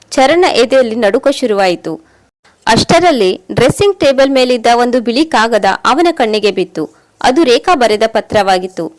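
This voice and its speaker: Female narrator, a touch high-pitched, even scripted storytelling for an emotional audio story.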